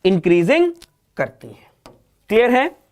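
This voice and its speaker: In an exam coaching lecture, a man with a high-pitched voice and huge pitch swings speaks without hurry. He puts a question to the class, repeats it, answers it himself, and calls his students "child".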